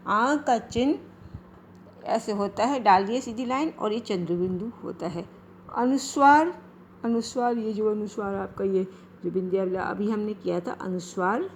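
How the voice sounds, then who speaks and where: A woman teacher giving a grammar lesson, repeating points slowly and asking questions she then answers herself. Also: on the high side, a little hiss or hum. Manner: slow, repetitive questioning, answers her own questions.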